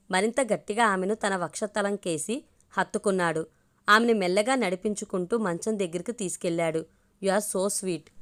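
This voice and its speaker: A woman storyteller reading a romantic family story aloud in a steady, expressive way. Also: mid-range voice. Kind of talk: storybook narration.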